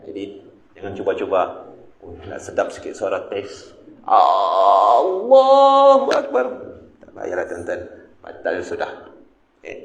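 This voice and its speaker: Lively Malaysian teacher in an echoey mosque hall. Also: male voice, fairly low pitch, a little hiss or hum. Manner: lively, asks listeners questions and answers them himself; demonstrates sung and drawn-out recitations. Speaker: religious teacher. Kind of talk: mosque lecture on a religious text. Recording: echoey room, faint ambience.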